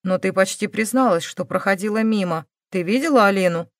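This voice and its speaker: A woman voicing a calm, stern male police investigator who presses with measured questions. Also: medium pitch, dry recording, clean studio sound, close to an everyday voice.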